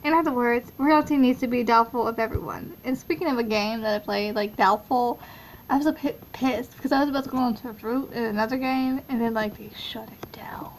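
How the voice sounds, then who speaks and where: A young woman in a casual game readthrough, reading the story and then tossing in blunt, profane commentary. Her voice sits a little high. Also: fairly quick, slight background noise, low-quality recording. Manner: blunt, profane, joking asides. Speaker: game reader.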